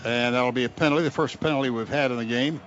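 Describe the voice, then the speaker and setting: This American man is Oklahoma's radio play-by-play voice, describing live college football action at an outdoor stadium. At a medium pitch and fast clip, he narrates in terse phrases and rises into excited calls as the big plays build. Sound quality is dull and noisy.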